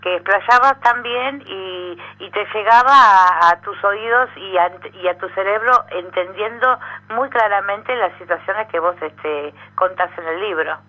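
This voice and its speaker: A woman's voice: medium pitch, unhurried, sharp tone, low-quality recording. A woman with an Argentine accent hosting a radio interview, chatty and encouraging. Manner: chatty, encouraging back-channel. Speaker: radio host.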